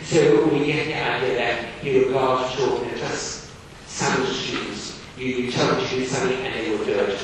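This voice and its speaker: A man lecturing on a novel, reading passages aloud and explaining them in slow, deliberate, musing asides. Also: mid-range voice, fairly even intonation. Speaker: literature lecturer. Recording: distant mic in echoey room with noise.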